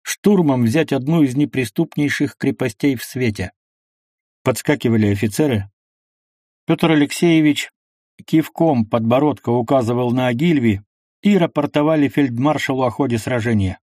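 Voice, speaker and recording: A man reads an audiobook in a measured, even manner, with a mid-pitched voice. The sound is dry and close, with no room around it. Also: no room sound. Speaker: audiobook reader. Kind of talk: audiobook narration.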